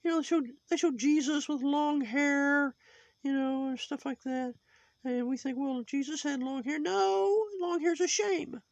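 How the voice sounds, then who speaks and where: A high, reedy sock puppet with a crackly, gravelly edge lectures on and on, moralizing in a judgmental ramble. The sound is dry and close, with no room around it. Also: male voice, fairly even intonation, unhurried, no room sound, muffled recording, heavily acted. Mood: preachy. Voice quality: high put-on voice.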